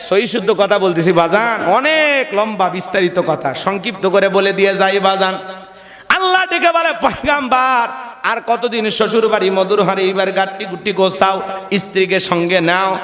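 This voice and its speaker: High-voiced man preaching, echoing hall. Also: normal speed, fairly bright tone. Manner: dramatic, acts out characters in his storytelling; addresses the crowd directly and asks for responses. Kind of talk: Bengali waz sermon storytelling. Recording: echoey venue with long reverb.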